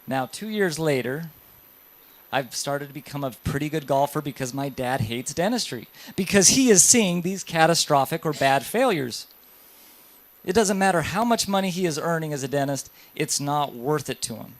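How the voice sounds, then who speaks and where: Man, thirties, dentist lecturer, slightly high voice, storytelling, audience questions, lecture hall. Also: normal speed. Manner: lively storytelling, addresses audience directly.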